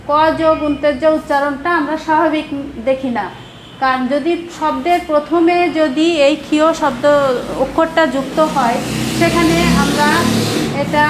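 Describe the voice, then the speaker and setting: A woman teacher giving a recorded class lecture, explaining slowly with pauses and repeating example words. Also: high voice. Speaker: Bangla teacher. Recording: echoey room with background noise.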